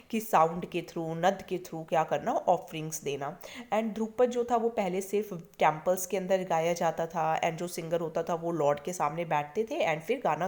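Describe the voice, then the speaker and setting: A woman's voice: medium pitch, darkish tone. An Indian woman teaching an online exam coaching lecture, explaining step by step and often checking in with her students. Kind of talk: online lecture in Hindi-English mix.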